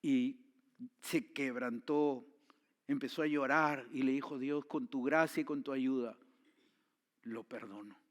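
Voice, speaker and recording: A man preaching a sermon, telling a story with swings from hushed tones to loud pleading. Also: medium pitch, measured pace, pauses often. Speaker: pastor.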